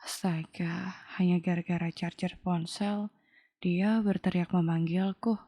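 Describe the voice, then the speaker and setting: A fed-up young woman from an audio romance novel snaps back with open irritation. Her voice is low and warm in tone, read by the woman narrator. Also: little pitch movement, a little slow. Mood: irritated. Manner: sharp and irritated.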